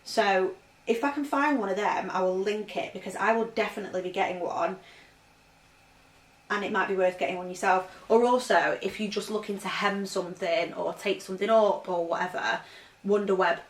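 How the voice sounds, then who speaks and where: This woman's mid-range voice moves at a moderate pace as she chats about her vintage clothing haul from home, peppering it with "like." She's a fashion vlogger in a casual haul video, recorded off-mic with a roomy echo.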